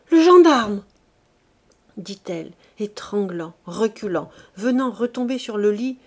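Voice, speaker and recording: A woman narrating a classic novel as an audiobook reader, in a steady, expressive reading. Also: mid-range voice.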